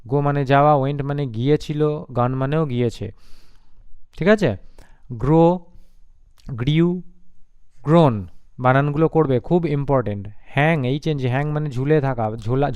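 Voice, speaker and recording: Clear-voiced male tutor. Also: on the high side, darkish tone, no room sound. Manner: slow, repeats words and spells them letter by letter. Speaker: English tutor. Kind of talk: classroom lesson. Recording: slightly dull lo-fi recording.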